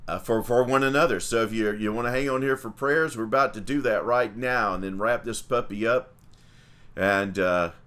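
A priest leads morning prayer on a livestream, his low voice unhurried and fairly bright in tone. He chats in a folksy manner and greets viewers by name.

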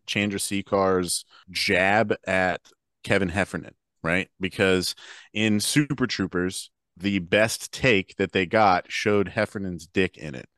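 A man's voice: low-pitched, fairly bright tone, no room sound, clean studio sound. A man co-hosting a podcast, opinionated and loose with swearing as he talks about films. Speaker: podcast co-host. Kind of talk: casual film review chat.

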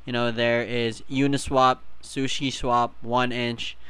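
A man in a relaxed crypto chat, walking through each step and breaking into laughs. His voice is smooth and clear, at a middle pitch. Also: takes it slowly. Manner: explains step by step, laughs often. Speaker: co-host.

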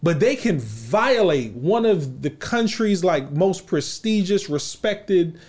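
This man has a somewhat high voice. He speaks with heat and emphasis, with frequent swearing, as a guest in a casual podcast chat. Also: sing-song, slow, darkish tone, slightly rough. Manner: heated, emphatic, profane.

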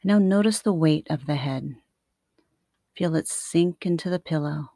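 A woman guiding a sleep meditation like a sleep story narrator, soothing and unhurried, with long pauses between short phrases. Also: low-pitched, warm tone, no room sound, studio quality. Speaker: yoga nidra meditation teacher.

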